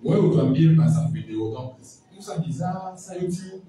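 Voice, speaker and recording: Man, event speaker, animated and digressive, mic far off in a booming hall. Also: normal speed, a little hiss or hum. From Democratic Republic of the Congo. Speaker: English language speaker at a launch event. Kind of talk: informal public talk answering a question. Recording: very echoey hall, voice from afar.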